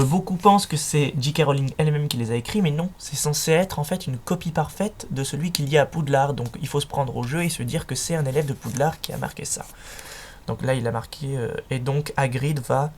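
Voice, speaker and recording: In a casual home vlog, a young man shows off his collection, his speech full of fillers and restarts. His voice sits in the mid range with a darkish tone, and faint noise and clicks can be heard behind him.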